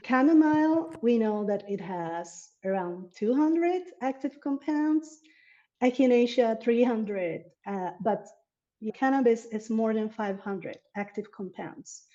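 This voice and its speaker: A woman speaks English in a mellow, relaxed voice as an earnest interview guest who laughs often. The audio is somewhat dull and muffled, as if from a modest microphone. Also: on the high side, slow. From Slovakia. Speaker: herb farmer and interview guest. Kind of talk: casual interview over video.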